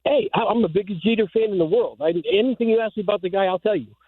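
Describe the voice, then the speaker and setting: A man's voice: sits high, quick pace, dry recording. Man calling in over tinny car phone. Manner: insistent, stumbling restarts. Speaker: caller. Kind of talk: call-in on sports radio.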